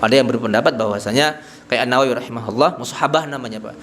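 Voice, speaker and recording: Mid-pitched man, an Islamic teacher leading a mosque study circle, talking to the congregation in short conversational bursts. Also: rapid-fire, slight background noise. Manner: tags nearly every phrase with "Pak"; asks the audience questions and answers them himself. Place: small prayer hall.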